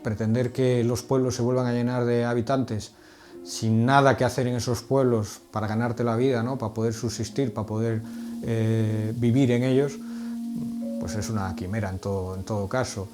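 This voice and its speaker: A man's voice: mid-range voice, steady tone, moderate pace. Man in conversational interview, faint music. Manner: seeks agreement with tag questions. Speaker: documentary interviewee. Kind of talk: spontaneous interview talk.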